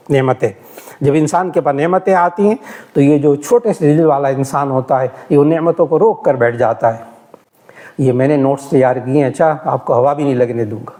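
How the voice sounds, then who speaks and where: Emphatic male religious lecturer. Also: fairly high pitch. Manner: emphatic and repetitive, with big swings from loud to hushed. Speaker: religious scholar and speaker. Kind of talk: lecture explaining scripture.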